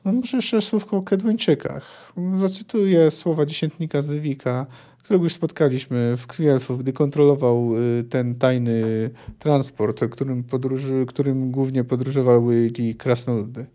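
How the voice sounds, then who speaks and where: A man's voice: mid-range voice, fairly even intonation, normal speed, warm tone. A man hosting a podcast who discusses a novel in a hesitant way, with many fillers. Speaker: podcast host. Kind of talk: reading a novel and commenting on it.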